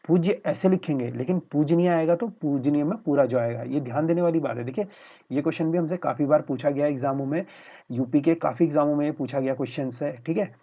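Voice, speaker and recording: This man speaks fast, on the high side, with a dark tone, while teaching exam aspirants Hindi spelling from slides. He sounds out each word syllable by syllable, addresses viewers as friends, and fills the gaps with a repeated phrase as he questions and answers himself. The recording is a dull, lo-fi voice-over.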